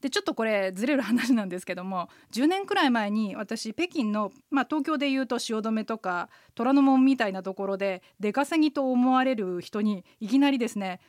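A woman co-hosting a radio language lesson as an interpreter guide, explaining in a friendly way with quick asides. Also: on the high side, lively intonation, darkish tone, no echo, clean studio sound.

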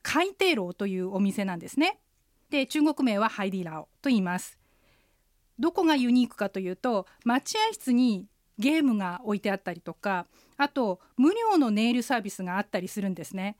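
A woman, an interpreter guide, teaching a radio language lesson, explaining phrases patiently and slowing down to model pronunciation. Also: medium pitch, sing-song, dry recording, studio quality. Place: radio studio.

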